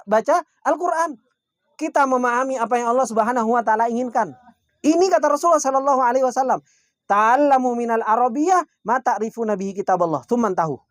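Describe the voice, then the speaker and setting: A man teaching a religious study class. He asks rhetorical questions and answers them himself, and he slows down for Arabic quotes. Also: high voice, no echo, studio quality. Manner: keeps addressing listeners as "Pak"; slows down when reciting Arabic quotations. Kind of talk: Islamic study lecture.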